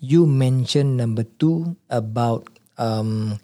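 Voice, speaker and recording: Singlish-speaking male host, medium pitch. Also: takes it slowly, dark tone. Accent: Singaporean, Singlish. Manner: colloquial, emphatic check-words like okay, eh and right. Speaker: podcast host. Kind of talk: casual interview, mixing English and Malay.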